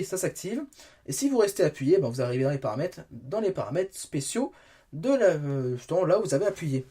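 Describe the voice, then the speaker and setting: A young man rattles through a casual phone review at a rapid clip. His voice sits a bit high, and he rambles and corrects himself as he shows features on screen. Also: warm tone, breathy edge. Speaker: tech reviewer. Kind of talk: casual spoken product review.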